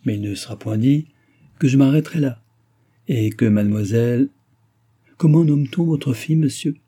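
A man reading a novel aloud, voicing a young royal princess who is brisk, gracious and commanding. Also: medium pitch, husky, voice pushed up, natural voice. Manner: brisk, imperious, graciously warm. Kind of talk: audiobook character reading.

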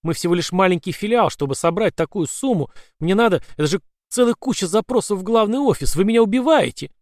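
A shrill little demon clerk who whines and begs in a high, strained voice, as a male narrator puts him on. He sounds cornered and desperate, on a dry recording. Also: animated, fast talker, no echo. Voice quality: shrill, pleading. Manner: desperate, whining.

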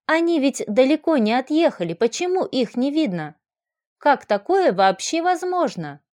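A woman's voice: high voice, very animated, moderate pace, darkish tone, pitched above the performer's own voice. A woman reading the part of an anxious, impulsive young woman speaking urgently and pleadingly.

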